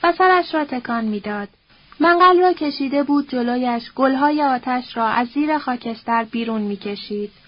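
A woman narrating a novel as an audiobook in a measured, even reading. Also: high voice, dull audio.

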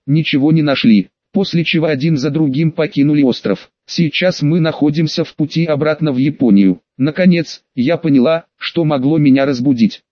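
A man reading an audiobook aloud as narrator, telling a first-person story in a woman's voice in steady scripted narration. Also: fairly high pitch, dry recording, dull audio.

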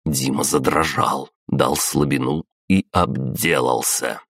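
A male narrator with a very deep, low voice reads a fantasy novel in a steady, dramatic way. The recording is dry and close, with no room sound. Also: slow pace, creaky, dry recording. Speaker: audiobook narrator.

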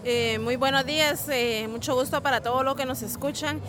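A woman's voice: sits high, steady tone, moderate pace. A woman from Guatemala, an activist, answering a radio interview outdoors in a hesitant way, with many fillers. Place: outdoors at a march. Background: crowd.

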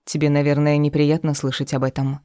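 A reader voicing a soft, anxious young sorceress. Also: mid-range voice, level tone, brisk, clear, resonant tone, no echo, studio quality, natural voice.

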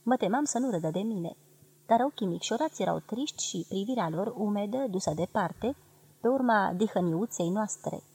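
A woman from Romania giving a measured, expressive literary reading of a memoir. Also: mid-range voice, breathy edge. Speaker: reader of a memoir.

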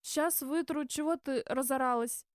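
A woman's voice: high-pitched, normal speed, no room sound, studio quality, lightly acted. Woman reading as a mumbling drunk guy, sluggish and defensive.

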